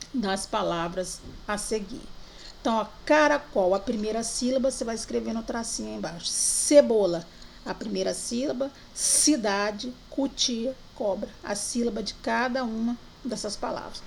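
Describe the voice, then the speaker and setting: A woman teacher from Brazil, guiding young children through worksheets in a remote lesson, slowly drawing out syllables and words. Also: on the high side, gravelly, darkish tone, a little hiss or hum. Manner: slow, drawn-out syllables for children.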